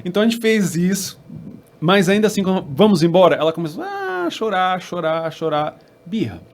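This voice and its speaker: A man with a Brazilian Portuguese accent, hosting a church podcast and telling a family story in an animated way, acting out the dialogue. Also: sits high, moderate pace.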